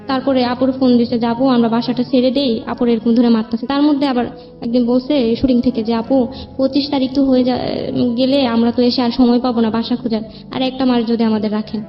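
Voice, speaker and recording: With a fairly high pitch, little pitch movement, and a fairly quick pace, a woman with a Bangladeshi accent narrates her life story as an interview guest. She rambles plainly, frequently quoting others, and the band-limited recording sounds dull with background music.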